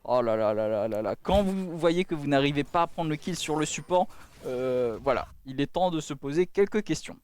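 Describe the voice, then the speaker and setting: High-pitched, clear-voiced male esports caster. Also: animated, moderate pace, a little mellow. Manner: exclamatory, with repeated cries of dismay and amazement. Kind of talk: excited live esports play-by-play commentary.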